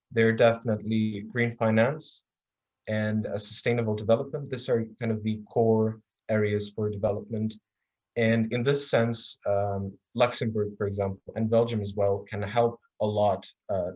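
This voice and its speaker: A man's voice: on the low side, darkish tone. A man with a Russian accent answering audience questions at an online event, hesitant, with many fillers and restarts.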